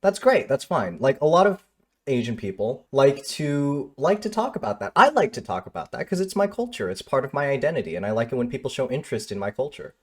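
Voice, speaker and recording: A young man livestreams in a loose, conversational way, speaking candidly and cursing casually. His voice sits at a mid pitch but swings up and down with lively intonation as he reacts to chat. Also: brisk, husky. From Michigan, United States. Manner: candid, frustrated, swears casually, answers chat.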